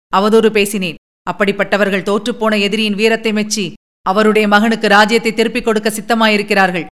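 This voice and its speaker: A woman's voice: medium pitch, a bit bright, smooth, lightly acted. A woman voicing an earnest young nobleman who speaks solemnly and pleadingly to his beloved.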